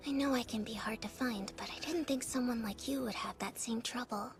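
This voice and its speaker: A woman voicing a shy, gently proud young girl pupil in a fantasy cartoon, soft and breathy. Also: fairly high pitch, brisk, music in the background, natural voice. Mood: gently pleased.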